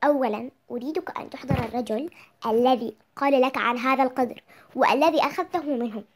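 A young reader voicing a proud, short-tempered king who loudly orders people about. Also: high voice, quick pace, slight background noise. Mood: haughty.

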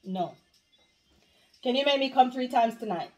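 A woman's voice: high-pitched, expressive, measured pace, a little mellow. A woman in her thirties with a Jamaican accent, chatting casually and playfully in a challenge game at home. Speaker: couple vlogger playing a challenge game. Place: home room, indoors.

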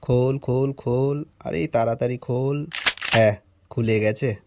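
A man's voice: mid-range voice, normal speed, background noise, voice pushed down, natural voice. Man doing a flustered bluffing cartoon teacher. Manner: nervous muttered asides. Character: bumbling male schoolteacher who bluffs his way through. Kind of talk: animated cartoon voice acting.

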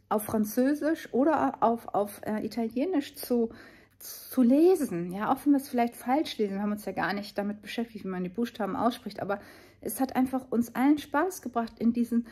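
In a travel vlog, a woman in her fifties talks casually and earnestly, with many fillers and restarts. Her voice is on the high side, a little mellow, with a breathy edge.

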